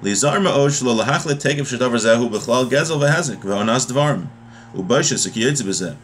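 He's an American man in his thirties with an animated, medium-pitched voice at normal speed, informally teaching a religious text by reading aloud and explaining, often rephrasing as he goes. The setting is a small room indoors at home, recorded on a webcam or laptop mic from desk distance, with clear background room noise.

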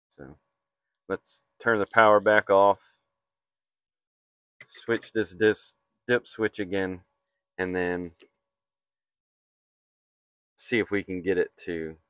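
Slow, steady man explaining a repair. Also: deep voice, no room sound, studio quality. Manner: slow, matter-of-fact explaining while working. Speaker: HVAC technician. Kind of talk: hands-on repair walkthrough. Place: outdoors on a flat commercial rooftop.

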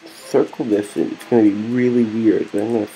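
A man's voice: fairly low pitch, fairly even intonation, a little fast, mellow, faint music behind. A man giving casual, rambling commentary while playing a video game, often hesitating with fillers. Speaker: let's play gamer.

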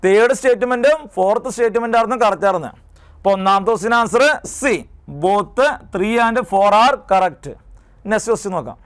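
Male tutor, high smooth voice, quizzes and repeats. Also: brisk. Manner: drills terms by asking and repeating them. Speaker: exam coaching teacher. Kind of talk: exam prep lesson.

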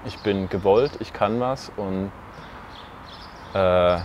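Male youth worker, low-ish voice, measured and thoughtful, light outdoor noise. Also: dull audio. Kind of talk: documentary interview.

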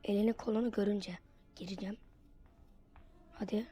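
A woman giving casual commentary while playing a horror game, excitable and quick to get frustrated. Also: mid-range voice, soft background music. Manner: excitable, bursts into frustrated yelps. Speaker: gamer.

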